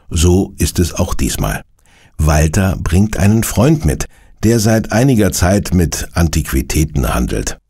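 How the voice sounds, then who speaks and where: Very deep, gravelly male storyteller. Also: mellow. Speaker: narrator. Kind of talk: scripted storytelling for children.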